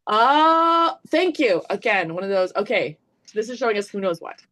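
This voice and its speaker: A woman co-hosting a casual book-discussion podcast, talking in an animated way and thinking aloud with lots of "like"s. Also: medium pitch, normal speed. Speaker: podcast co-host.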